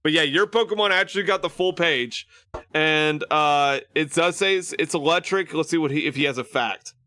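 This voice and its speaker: A man's voice: a little high, normal speed, bright, forceful tone. A man live streaming and chatting casually with his viewers, rambling with lots of fillers and restarts.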